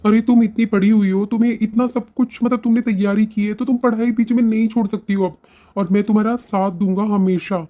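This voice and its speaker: Supportive young cartoon husband, rapid and eager, as a performer voices him. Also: mid-range voice, steady tone, warm tone, lo-fi sound, natural voice. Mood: reassuring. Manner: fast, eager, reassuring. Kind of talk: cartoon voice acting.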